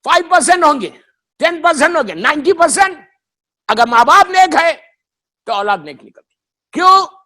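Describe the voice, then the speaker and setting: A male cleric delivers a fervent sermon in a strikingly high, forceful voice. He hammers his points through repetition, drops into English phrases and often climbs to a shout. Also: very animated, long pauses. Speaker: Shia cleric giving a memorial majlis. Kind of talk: impassioned sermon.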